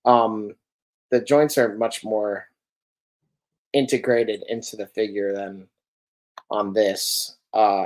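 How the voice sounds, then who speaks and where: A man's voice: on the low side, a little mellow. A man co-hosting a podcast, talking casually and rambling with lots of filler words as he looks over figures. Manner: rambling, full of ums and likes, self-correcting. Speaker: podcast co-host reviewing collectible figures. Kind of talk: casual chat.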